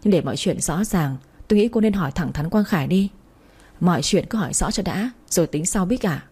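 A woman reading the part of a kind young man who coaxes and pleads gently, in an audiobook. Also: lowish voice, expressive, a little fast, slightly rough, heavily acted. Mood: calm. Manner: coaxing, pleading.

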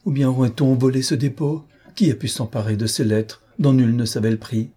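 A man's voice: mid-range voice, fairly even intonation, brisk, warm tone, husky, close to an everyday voice. A man voicing a terrified aristocratic marquise in an audiobook, with anguished, breathless exclamations. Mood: desperate. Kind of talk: audiobook character voice.

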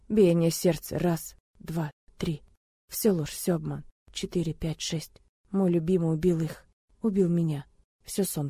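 A woman's voice: on the low side, warm tone, slightly rough, no room sound. A woman giving an intense, dramatic first-person narration of a story. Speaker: audiobook reader.

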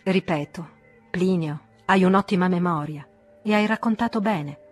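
A woman reading the part of a calm, kindly older man who answers his friend with gentle, measured composure, in an audiobook. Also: on the low side, soft background music, close to an everyday voice. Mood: serene.

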